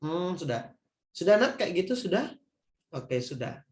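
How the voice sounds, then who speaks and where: In an online talk over video call, a man answers parents' questions conversationally, acting out little scenes for them. His voice is high, with big pitch swings and a darkish tone. He takes his time, and the sound is roomy.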